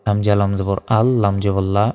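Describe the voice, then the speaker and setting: A man teaching Quran reading, who spells out Arabic letter by letter and slowly chants the verses, patient and methodical. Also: lowish voice, completely flat delivery, darkish tone, clean tone, in a large hall.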